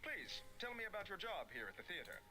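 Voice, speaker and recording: An actor playing an earnest police detective in a video game, speaking in an old-timey 1930s film and radio manner like a newsreel narrator. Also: male voice, high voice, very animated, fast, over music. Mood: inquiring. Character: earnest male police detective questioning a witness. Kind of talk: adventure game voice acting.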